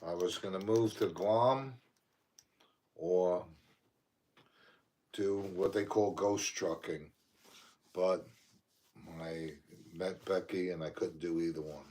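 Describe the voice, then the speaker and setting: A man's voice: deep voice, slow pace, long pauses. Laid-back man. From New York. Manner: relaxed storytelling, laid-back. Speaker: co-host. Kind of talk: casual livestream chat.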